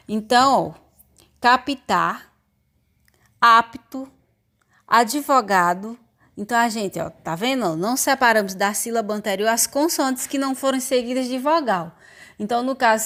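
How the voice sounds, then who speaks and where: A woman teacher with a Brazilian Portuguese accent gives a recorded school lesson. Her voice sits a little high, and she explains each point slowly and patiently. She keeps pointing out examples to her students as she goes. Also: fairly bright tone.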